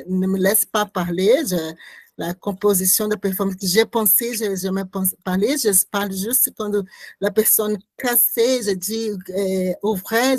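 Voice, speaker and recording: Woman, artist, non-native speaker, slow and halting, frequent restarts, dry close sound. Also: mid-range voice, a little mellow, dry recording. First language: not French. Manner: halting, searching for words, many restarts. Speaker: artist describing her performance. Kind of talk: conversational interview talk.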